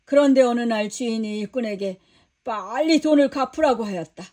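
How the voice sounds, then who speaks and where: A woman voicing Jesus as a gentle, patient male teacher who tells a story calmly and kindly to a disciple. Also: on the high side, moderate pace, natural voice.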